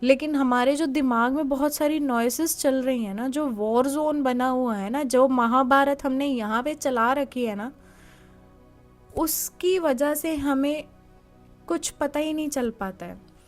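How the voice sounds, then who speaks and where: High-voiced woman giving a motivational talk. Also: a little slow, soft background music. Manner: conversational, asks the listener rhetorical questions; gives calm step-by-step guidance. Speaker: motivational speaker.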